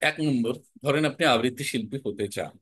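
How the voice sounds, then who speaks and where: Emphatic male voice teacher, measured delivery. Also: medium pitch, fairly bright tone, breathy edge, dry recording. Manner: measured, emphatic explaining with deliberate pauses. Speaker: recitation and voice teacher. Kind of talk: online class lecture.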